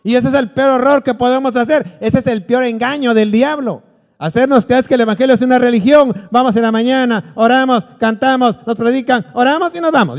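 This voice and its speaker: A pastor with a high voice preaches to his congregation with lively, theatrical delivery. He acts out what people say in his stories. His voice rings with a long reverb through the church hall. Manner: animated preaching with acted-out quotes. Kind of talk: sermon.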